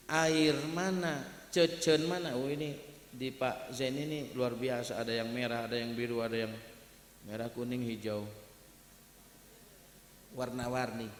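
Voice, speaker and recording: A man's voice: mid-range voice, a bit bright. A man preaching a humorous sermon at a wedding gathering, chatting and joking directly with the crowd. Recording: echoey hall with long reverb.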